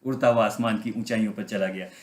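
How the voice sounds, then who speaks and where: A man's voice: lowish voice, fairly even intonation, quick pace. Male pastor telling a parable, echoey room. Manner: asks the congregation questions and mixes in English phrases. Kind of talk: storytelling sermon. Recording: roomy, echoey sound.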